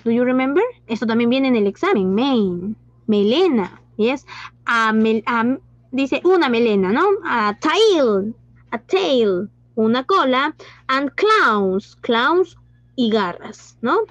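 High-voiced woman teacher. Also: animated, takes it slowly, no room sound. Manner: mixes Spanish and English, asks questions and praises pupils. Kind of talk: online class teaching. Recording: dull lo-fi sound.

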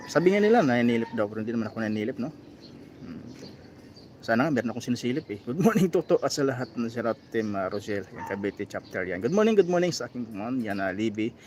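A man's voice: lowish voice, a little mellow, a little hiss or hum. A man with a Filipino accent hosting a casual live stream, reading viewer names and comments aloud with many fillers. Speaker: vlogger reading live chat.

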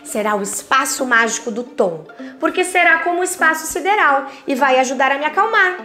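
A woman's voice: sits high, lively intonation, fairly quick, sharp tone, soft background music. Woman reading as Tom, a young Brazilian boy. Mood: eager. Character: young boy, moody then eager.

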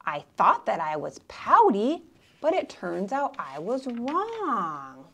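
A woman's voice: a little high, wildly swooping pitch, slow, a bit bright, husky, heavily acted. A woman voicing a glum, gloomy male fish in a children's storybook reading, chanting in a singsong rhyme. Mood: cheerful.

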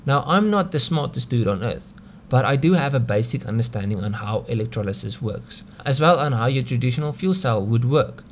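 Animated and brisk, this medium-pitched man narrates a scripted explainer video as its host. He has a South African accent, keeps things conversational, and often asks rhetorical questions; slight background noise is audible.

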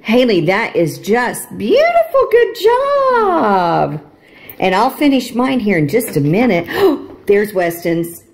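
An older woman, a grandmother, chatting and praising grandchildren in a warm, encouraging way. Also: a little high, very animated, slow pace. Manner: warm, praising, talking to small children. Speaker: grandmother and show host. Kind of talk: casual chat with grandchildren.

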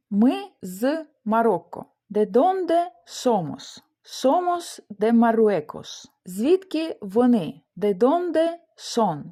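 Woman, Spanish teacher, animated up-and-down delivery, careful slow examples. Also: fairly high pitch. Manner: slows down to pronounce Spanish words clearly. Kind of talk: language lesson.

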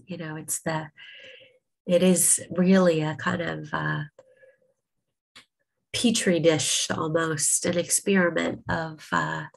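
A woman rabbi leading an online class, sniffly with a cold, speaking in an unhurried way with many ums and restarts. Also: lowish voice, creaky, poor audio.

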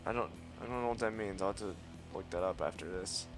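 A let's play host with a low voice talks fast over music, giving live gameplay commentary. He's excitable and cocky, boasting and trash talking, swearing often, and yelping whenever something goes wrong.

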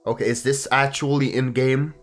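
A man hosts a video game playthrough, alternating between reading game text aloud and making casual, jokey remarks. His voice sits at a middle pitch, and faint game music plays in the background. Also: level tone, normal speed. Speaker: let's play host.

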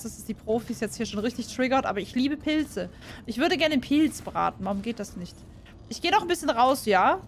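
A woman commentating a video game in casual, excitable chat and talking to her community. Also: fairly high pitch, slight background noise. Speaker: gaming YouTuber. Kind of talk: casual let's play commentary. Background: game music.

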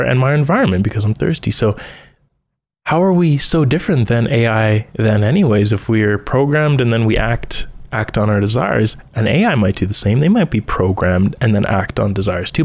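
A man's voice: medium pitch, darkish tone. A young man hosting a podcast, talking through ideas in a casual solo monologue with frequent ums and restarts. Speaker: podcast host.

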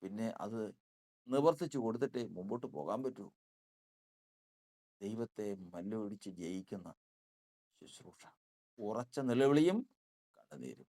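A man's voice: lowish voice, expressive, a little slow, long pauses, warm tone. A man with a Malayali accent preaching a sermon, emphatic and repeating his key phrases.

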